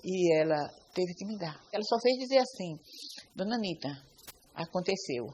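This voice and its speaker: Halting middle-aged woman telling of loss. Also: lowish voice, expressive, darkish tone, slightly rough, rough recording. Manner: slow, halting retelling with quotes and repeats. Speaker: mother of a victim. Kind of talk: documentary interview testimony.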